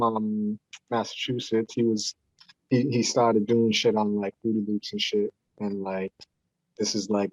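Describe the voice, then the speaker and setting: Man in his 30s, low monotone voice, halting and profane, interview guest. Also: no room sound, dull audio. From Boston area. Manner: rambling, halting, slangy and profane. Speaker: beat maker guest. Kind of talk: casual interview.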